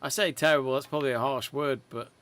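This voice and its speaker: Clear-voiced man calling live snooker. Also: medium pitch, steady tone, fast talker, fairly bright tone. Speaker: snooker watch-along host and commentator. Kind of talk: live play-by-play sports commentary.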